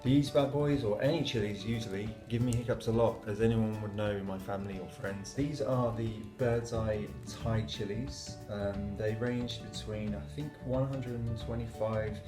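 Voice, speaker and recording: A man's voice: fairly low pitch, normal speed, hardly any pauses. A young adult man talking casually to camera as a YouTuber, recorded in a small room at arm's length. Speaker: YouTuber doing a challenge. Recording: roomy echo, music behind.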